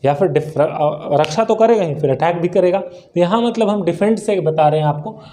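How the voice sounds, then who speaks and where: A man from India teaching an English lesson in Hindi, explaining words slowly, with many rhetorical questions and English words mixed in. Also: high-pitched, mellow, slight background noise.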